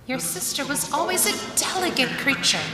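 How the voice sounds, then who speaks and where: A woman playing a solemn, commanding ghost in a 1940s-style radio play, speaking in a stately, formal, deliberate manner. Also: high-pitched, expressive, over music. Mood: somber. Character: solemn, commanding female ghost of Christmas past. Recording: echoey hall, distant mic.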